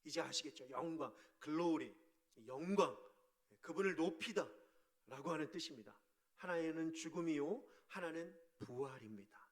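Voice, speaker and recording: A man preaching as a pastor, asking his congregation questions, sometimes shouting out quoted voices and sometimes dropping to a soft murmur. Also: on the high side, normal speed. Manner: animated, acts out quoted voices with sudden shouts; drops to a soft near-murmur on key words. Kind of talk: sermon.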